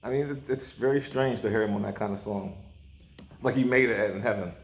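A man's voice: lowish voice, a little fast. A man co-hosting a podcast in casual chat, opinionated and contrarian with a joking streak. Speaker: podcast co-host. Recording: roomy, echoey sound.

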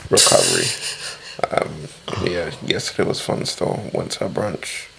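Deep, very gravelly young London roadman. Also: steady tone, measured pace, noisy background. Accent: London, urban street (roadman). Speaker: podcast co-host. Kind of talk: casual slangy podcast chat.

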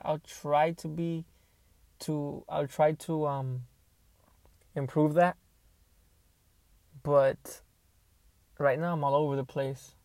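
A young man records a casual solo podcast on an earbuds mic in his car. His voice sits a little high and often crackles with vocal fry. The sound is close and dry as he hesitates and thinks out loud. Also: no room sound. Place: inside a car.

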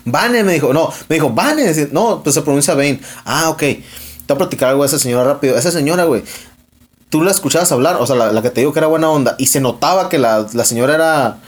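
A man's voice: fairly high pitch, quick pace. A young Mexican man with a Mexican accent, retelling an argument in casual podcast chat, full of slang and swearing. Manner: profane, slangy, animated retelling with quoted dialogue. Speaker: podcast host.

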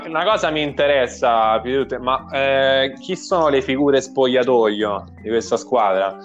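A man's voice: mid-range voice, measured pace. A man hosting casual sports banter, teasing and joking as he asks questions. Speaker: host interviewing team staff. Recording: dull, lo-fi audio. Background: music.

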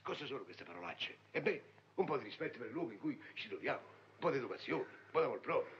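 An actor playing an officious, evasive police marshal, in a vintage film comedy with dull lo-fi sound. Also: male voice, mid-range voice, sing-song, a bit bright. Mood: fussy. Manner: quick, fussy, evasive. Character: officious carabinieri marshal covering for a friend. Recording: dull lo-fi old film sound and faint hiss.

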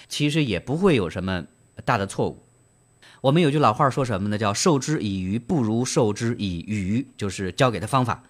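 A man hosting a book club, explaining and retelling in trained standard Mandarin with frequent fillers and questions to the listener. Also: medium pitch. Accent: standard Mandarin, broadcast-trained. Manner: gentle storyteller, asks listeners rhetorical questions. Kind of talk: book reading and discussion.

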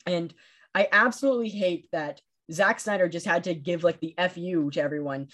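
Male podcast guest, passionate and quick analysing films. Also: high-pitched, a bit bright. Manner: passionate, rapid film analysis. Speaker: podcast guest, film critic. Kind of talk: casual chat.

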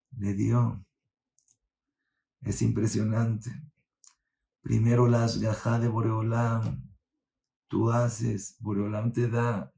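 A rabbi telling a story in a sermon, acting out the voices of its figures and mixing in Hebrew religious terms. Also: male voice, fairly low pitch, creaky, dark tone.

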